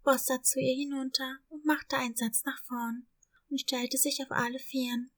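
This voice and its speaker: Female narrator for a children's story, high voice and calm pace. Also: moderate pace. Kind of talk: scripted narration.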